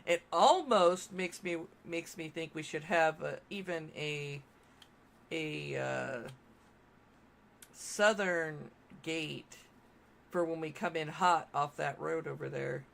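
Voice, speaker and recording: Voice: mid-range voice, slow pace, gravelly, fairly bright tone. A game streamer giving casual gameplay commentary, chatty and thinking aloud while building.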